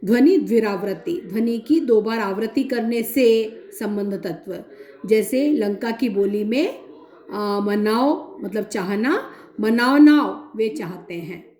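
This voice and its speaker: A woman lecturing on linguistics in a methodical way, explaining with many examples and pausing often. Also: mid-range voice, darkish tone, echoey room. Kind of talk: recorded academic lecture.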